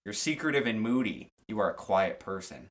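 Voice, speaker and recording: A man's voice: on the low side, big pitch swings, brisk. A man co-hosting a podcast, reading quiz questions aloud and adding sarcastic asides in casual chat.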